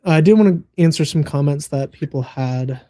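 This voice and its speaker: Co-hosting a laid-back livestream, a man answers chat comments, laughing often and talking through fillers. His voice is a little high, his pace moderate, and crowd noise can be heard.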